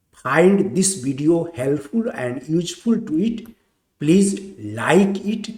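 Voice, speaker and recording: A man teaching chemistry in a slow, deliberate lecture, repeating each point step by step. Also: a little high, mellow, echoey room.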